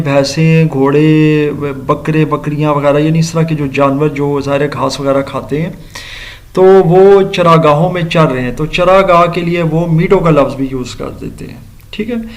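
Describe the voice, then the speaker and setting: Man teaching English grammar slowly. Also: fairly high pitch. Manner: explains slowly, repeating and checking understanding; mixes English words and sentences into Urdu explanation. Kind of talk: classroom grammar lecture.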